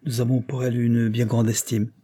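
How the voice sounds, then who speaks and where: A man reading the part of a calm, authoritative gentleman lawyer and father in a storybook reading, in a measured, firm manner. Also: mid-range voice, lightly acted.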